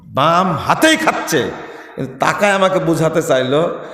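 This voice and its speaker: A man's voice: on the high side, expressive, normal speed, a bit bright. A man with a Bangladeshi Bengali accent preaching a sermon to a gathering, fiery and scornful, firing rhetorical questions. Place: large hall with a gathering. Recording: echoey hall, long reverb.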